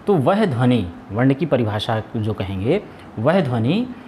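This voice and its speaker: A man's voice: medium pitch, very animated, measured pace, mellow, slight background noise. A man teaching a Hindi grammar lesson, asking questions and then answering them himself, with frequent hesitations and restarts. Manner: explains step by step, asks and answers his own questions. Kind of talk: classroom lesson.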